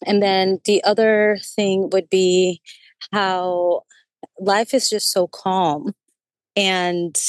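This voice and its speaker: A woman's voice: medium pitch, a little mellow, no room sound. American woman in her thirties, hesitant and reflective, mid-range voice with a dry sound. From United States. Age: 30s. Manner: hesitant, searching for words, many fillers. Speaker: coaching client. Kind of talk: personal conversation.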